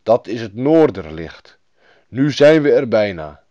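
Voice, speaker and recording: A man voicing a kind, steady reindeer guide in a fairy-tale reading, in a calm, firm voice. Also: mid-range voice, a little slow, no room sound, muffled recording.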